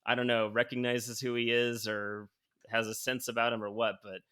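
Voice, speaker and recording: A man's voice: medium pitch, monotone, moderate pace, sharp tone, smooth. A man co-hosting a podcast in casual chat, rambling with lots of fillers and swearing freely. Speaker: podcast co-host.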